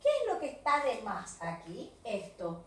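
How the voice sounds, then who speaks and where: A woman's voice: medium pitch, very animated. A woman with a Rioplatense Spanish accent, teaching an English video class to children, mixing English and Spanish, encouraging and repeating words with frequent checks for understanding. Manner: switches between English and Spanish, slow and drawn-out for the children. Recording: echoey room with faint background hiss, from a distance.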